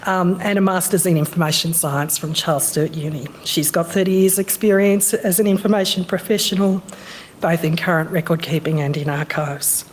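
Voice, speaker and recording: A woman chairing a conference session and introducing speakers in a chatty way, a little hoarse as she is losing her voice. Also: on the low side, moderate pace, slight background noise. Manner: chatty, with fillers. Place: conference room.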